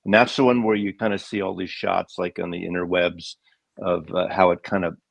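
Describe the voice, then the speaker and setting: An older American man who tells long, wandering stories in a casual livestream chat. His voice is very deep and gravelly, and it sounds dry and close, with no room echo. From United States. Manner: rambling storyteller, digressive. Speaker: co-host.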